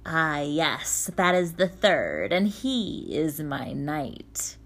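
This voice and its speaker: A woman voicing a commanding, sarcastic old witch who speaks slowly and emphatically. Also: low-pitched, big pitch swings, a bit bright, heavily acted. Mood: fond. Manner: slow, emphatic, nasal sarcastic drawl.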